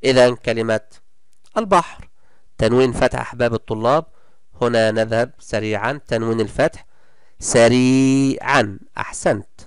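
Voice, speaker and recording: A primary school teacher, male, speaks in a clear, resonant medium-pitched voice during a recorded lesson, praising and encouraging his pupils often. He stretches example words out slowly, with clean studio sound and no room sound.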